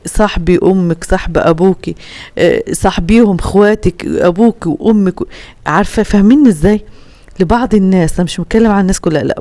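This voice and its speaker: With a medium-pitched, dark-toned voice and no echo, this Upper Egyptian woman talks in her region's Arabic accent. She's a home vlogger giving sincere, heartfelt counsel to viewers, full of pious expressions.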